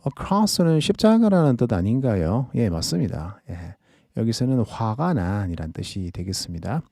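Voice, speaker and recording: A man teaching English idioms in a podcast lesson, explaining each phrase slowly and reading examples carefully. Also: on the low side, big pitch swings, dark tone, dry recording, studio quality.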